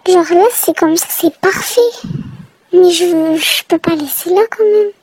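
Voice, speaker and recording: Woman, very high voice, slow unhurried delivery, casual game commentary, reacts aloud. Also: darkish tone, slight background noise, poor audio. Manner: chatty, reacting aloud, exasperated. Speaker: gamer narrating her play.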